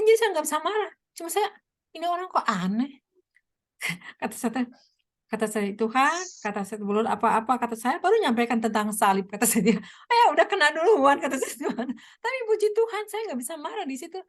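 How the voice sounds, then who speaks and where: Woman preacher, hoarse, lively sermon voice, fairly high, keeps asking the crowd questions. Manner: animated storytelling, frequent rhetorical questions. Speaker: evangelist preacher. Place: online meeting.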